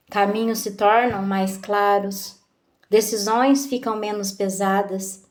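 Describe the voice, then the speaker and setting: Slow, measured woman preaching. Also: medium pitch. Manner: slow, measured, with rhetorical questions. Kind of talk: slow devotional teaching.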